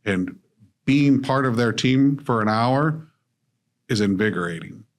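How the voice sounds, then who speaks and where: In a conversational podcast interview, the guest is a middle-aged man from Illinois who works as an author and business coach. His medium-pitched voice is animated and a little slow, and he comes across as steady and reflective.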